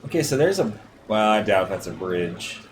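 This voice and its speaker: A man commentating his gameplay on a livestream, muttering to himself and cursing at the game. His voice sits low, with steady background noise on the stream audio. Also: normal speed, rough recording.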